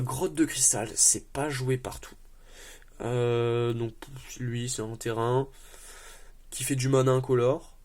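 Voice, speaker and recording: A man's voice: mid-range voice, a little mellow. A man presenting a card game deck in a casual way, explaining card by card, paraphrasing the rules text, with easygoing, light self-mocking asides.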